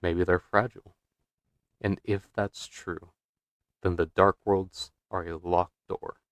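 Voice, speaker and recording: A low-voiced man reads a scripted video essay, measured and dramatic, leaning into rhetorical questions. The sound is dry and close, with no room around it. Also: little pitch movement, no room sound. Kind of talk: scripted narration.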